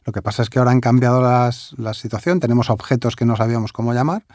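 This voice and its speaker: A man with a Galician accent, a language expert guest, explaining word usage in a relaxed, playful conversational way. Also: mid-range voice, fast talker, no echo, studio quality. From Galicia, Spain. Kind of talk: conversational interview.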